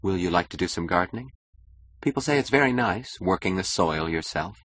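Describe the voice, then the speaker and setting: Cool detached wife voiced by a man, quiet, calm, audiobook, low husky voice. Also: brisk. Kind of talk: audiobook character voice.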